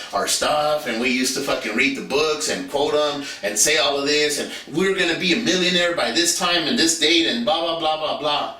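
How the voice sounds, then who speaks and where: A man's voice: on the high side, pushed and bright, echoey room, far from the mic, rough recording. A man in his thirties giving a blunt, profane motivational talk as a business mentor, repeating phrases for emphasis.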